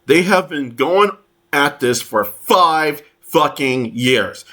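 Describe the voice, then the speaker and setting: A man commenting on online posts, reading them aloud in a halting way with many fillers and restarts. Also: a little high, expressive, bright, forceful tone. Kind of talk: casual commentary over screenshots.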